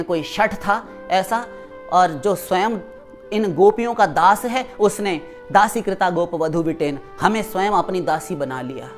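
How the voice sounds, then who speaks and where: Woman preacher reciting verses. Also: fairly low pitch. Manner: recites verses, then explains them. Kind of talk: devotional sermon with chanted verses.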